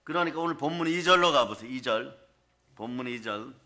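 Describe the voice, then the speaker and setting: A male pastor preaching a sermon to his congregation in a church, often firing questions at them and telling animated stories. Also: medium pitch, fairly quick. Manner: keeps asking the congregation questions.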